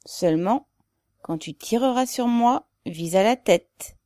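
A man's voice: sits high, animated, takes it slowly, darkish tone, no echo, pitched above the performer's own voice. A woman reading aloud and voicing a mocking young peasant man who raises his voice.

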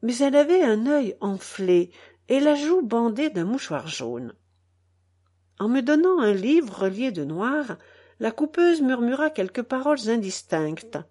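A woman reading a novel aloud as an audiobook narrator, in measured, even storytelling. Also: on the high side. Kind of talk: scripted narration.

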